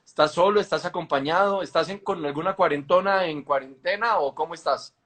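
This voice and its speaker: A man hosting a casual live chat interview, halting and often repeating his words. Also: a little high, fairly bright tone. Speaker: interviewer and host.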